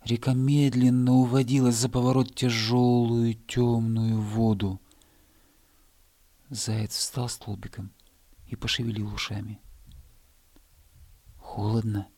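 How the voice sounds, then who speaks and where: A man narrating a children's storybook, reading slowly, softly and gently. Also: medium pitch, little pitch movement, dry recording. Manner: slow, soft, gentle reading. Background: faint music.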